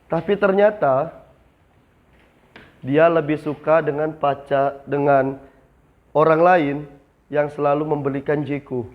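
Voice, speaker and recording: A man's voice: on the high side, steady tone, slow pace, pauses often. A young man training new retail staff in a classroom, asking the class questions and answering them himself. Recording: slightly dull lo-fi sound.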